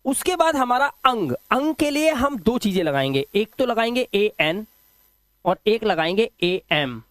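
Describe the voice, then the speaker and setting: Man, video lesson, high voice, very lively delivery, asks questions and answers them himself. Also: measured pace, no room sound. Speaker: English teacher. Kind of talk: classroom-style video lesson.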